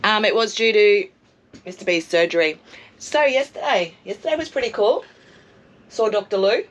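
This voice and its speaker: Hoarse woman vlogging. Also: medium pitch, moderate pace. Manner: chatty, self-mocking. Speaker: travel vlogger. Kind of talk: casual chat. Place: outdoors at a caravan park.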